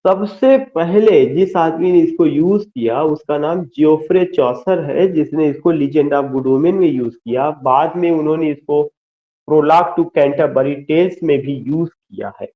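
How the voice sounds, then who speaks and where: A male literature teacher giving an online lecture, speaking deliberately and spelling out terms letter by letter. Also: on the high side, phone-quality sound. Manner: slow, deliberate, spells words letter by letter, mixes Hindi and English. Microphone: screen-share with whiteboard, computer mic.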